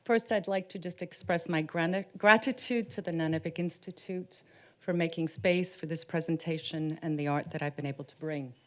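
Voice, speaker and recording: A Canadian woman whose first language is Ukrainian gives a formal conference presentation as an artist in a conference room. Her deep, steady voice is measured and solemn, slowing down on key words.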